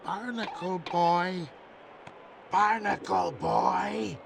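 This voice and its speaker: A man's voice: high voice, fairly even intonation, very slow, vocal fry, background noise, exaggerated voice. An actor playing a muddled, pompous old superhero in a cartoon game, with a theatrical, wavering old-man voice. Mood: befuddled. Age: older. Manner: pompous, absent-minded. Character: doddering, muddled old male superhero, grandly dramatic. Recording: loud music behind the voice.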